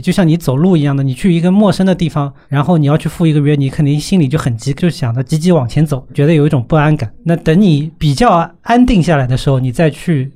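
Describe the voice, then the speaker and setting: Man, reflective podcast guest, warm dark tone, fairly high pitch. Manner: relaxed, reflective. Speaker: podcast guest, book lover. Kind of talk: casual chat.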